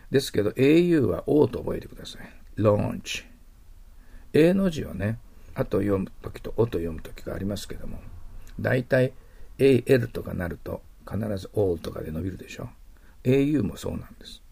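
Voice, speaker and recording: A middle-aged man teaching TOEIC English vocabulary, explaining words and slowly modeling their English pronunciation. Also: on the low side, vocal fry, darkish tone, breathy edge.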